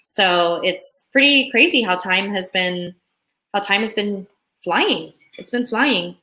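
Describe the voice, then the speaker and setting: A woman's voice: mid-range voice, animated, slow, bright, forceful tone. A young woman, born in Russia, chatting upbeat with viewers on a live stream as a relocation consultant. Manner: upbeat, chatty, reads viewer comments aloud.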